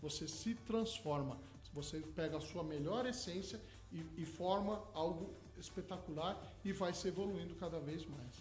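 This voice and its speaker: A man's voice: on the high side, normal speed, few pauses, soft background music. A man, a hypnotherapist guest in a radio studio, eagerly explaining his ideas with everyday examples. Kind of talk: radio interview.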